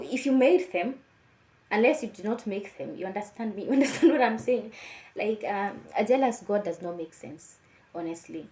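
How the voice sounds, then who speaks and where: A woman's voice: medium pitch, dark tone. A woman speaks in a casual monologue, emphatically posing rhetorical questions and repeating her phrases. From Africa. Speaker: vlogger giving personal opinions. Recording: echoey room.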